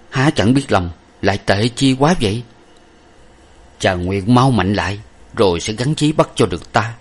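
A man voicing an earnest young masked gentleman who speaks in a grave, measured way. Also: lowish voice, close to an everyday voice.

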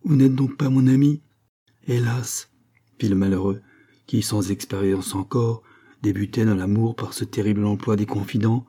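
A man reading a classic novel aloud in measured, even scripted narration. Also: on the low side, slightly rough. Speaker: audiobook reader.

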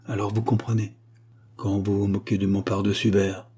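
A man voicing a poor, grieving male schoolteacher who pleads softly and sadly in a husky voice. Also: fairly low pitch, level tone, normal speed. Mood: sorrowful. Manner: soft, sorrowful pleading.

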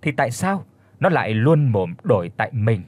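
A male storyteller narrates a scripted horror tale. His voice is husky and his pitch moves lively through each sentence. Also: normal speed, no room sound. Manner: expressive, steady storytelling. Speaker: audiobook narrator.

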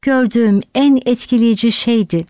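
A woman's voice: fairly high pitch, moderate pace, warm tone, no room sound, studio quality, close to an everyday voice. A woman voicing a sly male pig who speaks in a solemn, persuasive way. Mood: mournful persuasive. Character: sly smooth-talking male pig propagandist.

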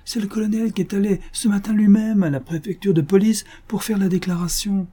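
A timid, flustered bourgeois gentleman, read by a man, hesitant and earnest, often faltering mid-sentence. His voice is warm and dark with a husky grain. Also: mid-range voice, animated, normal speed, pitched above the performer's own voice. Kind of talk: audiobook character voice.

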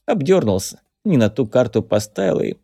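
A hardened ex-officer in his forties, curt and dryly joking even in a prison cell, as a man reads him in an audiobook. The tone is low-key and mellow, close to the reader's natural voice, recorded dry and close. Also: normal speed, slightly rough, no echo, faint music behind. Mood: dismissive. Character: tough, wry former Cossack officer in his forties.

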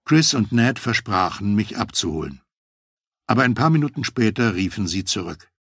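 Male audiobook narrator for a true-crime memoir; husky, lowish voice, dry close recording, measured delivery. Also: animated, a bit bright, no room sound. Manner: measured, matter-of-fact first-person telling.

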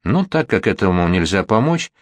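A man reading an audiobook voices a calm, self-assured gentleman who speaks in a composed, reasoning way. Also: on the low side, normal speed, dry recording.

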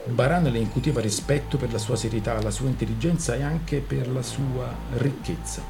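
Man, radio narrator, novel read aloud, measured and even, mid-pitched voice. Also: music in the background.

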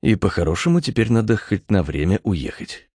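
A man narrating an audiobook with a measured, expressive reading. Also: fairly low pitch, breathy edge, no echo. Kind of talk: scripted narration.

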